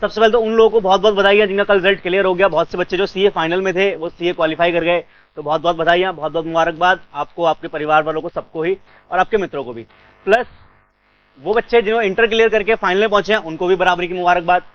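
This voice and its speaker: Male coach, high-pitched, smooth resonant tone, reassuring, answers his own questions, dry and slightly muffled. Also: fairly even intonation, fast talker, dry recording. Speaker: CA exam coach. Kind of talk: motivational advice to students.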